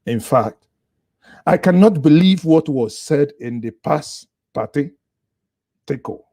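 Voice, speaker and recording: A man hosting online commentary, reacting to a clip with sarcastic, mocking asides. His voice is dark and mellow, and the recording is close and dry with no room sound. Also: a little high, lively intonation, a little slow, dry recording.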